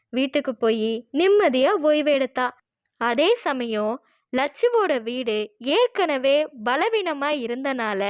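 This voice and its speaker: A woman narrating a children's cartoon story in a plain, steady way. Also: high voice, no echo, lo-fi sound.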